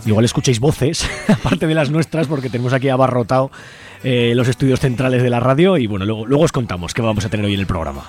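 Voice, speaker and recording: A man with a Spain Spanish accent and a mid-range, darkish voice talks fast while hosting a community radio show. His style is casual, informal and joking, set in a busy studio with faint music in the background.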